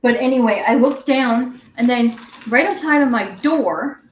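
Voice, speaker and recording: A woman's voice: on the high side, a little slow, slight background noise. A young adult woman hosting a casual home livestream, rambling as she reads viewer comments aloud. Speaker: guinea pig channel host. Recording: echoey room.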